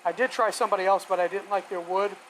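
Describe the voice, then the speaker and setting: Talking fast in a mid-range voice, this hobbyist woodworker chats on a live stream from a home workshop, musing aloud in a folksy, meandering way as he works. A shop vacuum runs steadily behind him, and the recording is rough.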